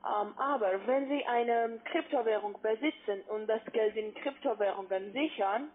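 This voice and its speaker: This phone call, heard on a tinny narrow-band line, features a woman with a foreign accent who poses as a financial adviser from a call centre. At a moderate pace she hesitantly explains her sales pitch in German, her second language, often tacking on questioning checks.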